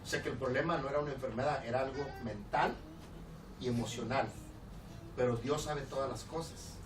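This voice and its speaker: A man with a Mexican accent preaching a storytelling sermon as a pastor, animated and laughing, acting out the people in his story. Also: mid-range voice, a little fast. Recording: roomy, distant church recording with background noise.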